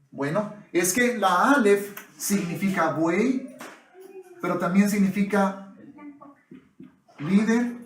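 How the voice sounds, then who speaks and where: A man's voice: high voice, reverberant, a little hiss or hum, poor audio. A man preaching a sermon, often calling his listeners brothers and asking them to agree. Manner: addresses the congregation as brothers, asks for agreement often.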